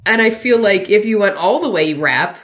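A woman's voice: mid-range voice, expressive, moderate pace. A woman in her thirties co-hosting a podcast, chatting casually with lots of fillers and frequent laughter. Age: 30s. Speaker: podcast co-host. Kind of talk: casual chat.

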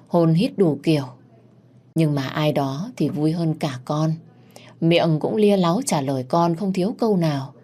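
A woman narrating a first-person romance story in a steady, measured reading voice. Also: sits low.

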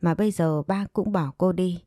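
Low mellow woman storyteller. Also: moderate pace, no echo, studio quality. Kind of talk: scripted story narration.

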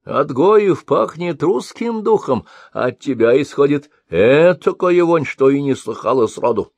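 A man's voice: very animated, a little mellow, no echo, exaggerated voice. A man doing a sly, cackling old crone. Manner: high cracked wheedling old-woman voice, slow and drawn out. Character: cunning old crone ferrywoman, mocking and sly. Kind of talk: audiobook reading.

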